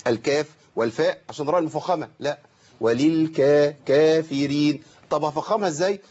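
A man's voice: on the high side, animated, rapid-fire, darkish tone, husky, highs cut off. A man with an Egyptian Arabic accent teaching Quran recitation on a live call-in lesson, chatty and joking as he corrects mistakes.

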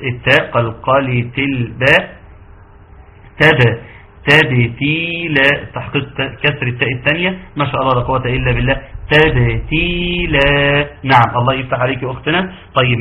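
A man with an Egyptian Arabic accent teaching Quran recitation rules, asking the class rhetorical questions and modeling verses slowly. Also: mid-range voice. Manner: quizzes listeners with rhetorical questions. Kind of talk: tajweed lesson correcting students. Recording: dull lo-fi audio, faint background noise.

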